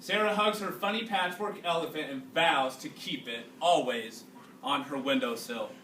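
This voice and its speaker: A male teacher reads a storybook aloud to his class indoors, stopping to explain things and ask the pupils questions to check they understand. His voice sits on the high side with a sharp tone. The recording sounds roomy, with a distant mic and faint background noise.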